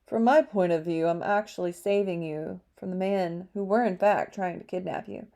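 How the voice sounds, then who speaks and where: A woman voicing a calm, strong man with a Spanish accent in an audiobook, speaking slowly and firmly. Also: on the low side, gravelly.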